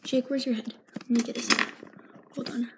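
Holding a phone while filming indoors at home, a young girl vlogs a tour of her toy horse barn at normal speed. Her voice is fairly high with fairly even intonation, she occasionally whispers while chatting casually, and the recording is very noisy.

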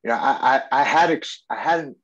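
A man's voice: mid-range voice, fairly quick, muffled recording. A man in his forties, a podcast guest, telling his recovery story in an earnest, reflective way. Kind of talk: heartfelt personal storytelling.

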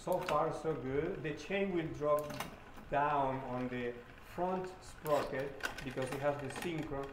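A man, a bike shop mechanic giving a relaxed hands-on repair tutorial in a shop showroom. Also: a little high, unhurried, echoey room, noisy background. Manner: relaxed and friendly, with many "uh" fillers.

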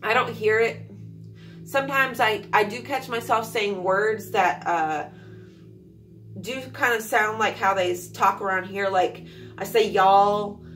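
Recorded on a distant mic with soft music in the background, a young woman vlogger from Alaska rambles casually to camera from a small room at home, full of fillers. Her voice is medium in pitch, fairly bright, and a little slow.

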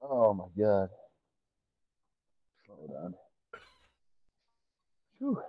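A man's voice: on the low side, huge pitch swings, very slow, dry recording. Podcast co-host, male, keeps cracking up, dry and slightly muffled mic. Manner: breathless fits of laughter. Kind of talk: casual comedy podcast chat. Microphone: own mic on an online call.

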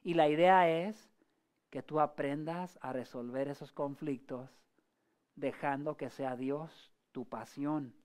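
A male pastor giving a sermon in a conversational way, asking the congregation rhetorical questions and often pausing or restarting his phrases. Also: fairly high pitch, darkish tone. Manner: frequent hesitations and restarts.

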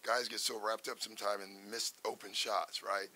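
An older man, a basketball head coach, answering reporters at a postgame press conference from a table microphone, measured and conversational with many fillers and restarts. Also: fairly low pitch, level tone, bright, forceful tone. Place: press room in front of a sponsor backdrop. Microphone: table microphone in front of him.

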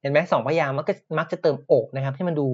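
A man teaching Japanese words in a podcast lesson, explaining patiently and repeating each word slowly. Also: a little high, fairly even intonation, dull audio.

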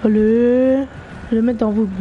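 A gamer chatting live through a game with friends, excitable, cheering teammates on and mixing in English slang and swearing. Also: medium pitch, moderate pace, narrow, tinny audio, a little hiss or hum.

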